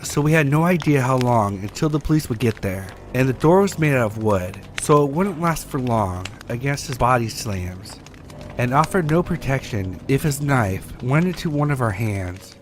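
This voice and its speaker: A man's voice: medium pitch, lively intonation, moderate pace, a little hiss or hum. Man narrating a horror story. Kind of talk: scripted first-person horror story narration.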